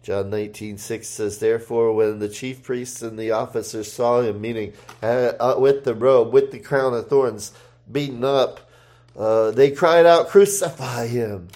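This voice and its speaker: A man preaching a sermon, reading scripture aloud and rising in voice for the quoted shouts. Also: mid-range voice, little pitch movement. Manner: slow, deliberate delivery with pauses and fillers.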